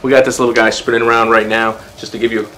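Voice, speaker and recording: A man's voice: medium pitch, little pitch movement, quick pace, bright, forceful tone, faint music behind. A man reviewing DJ lighting gear in a casual, chatty vlog, thinking aloud as he sets up. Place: indoor room with DJ gear.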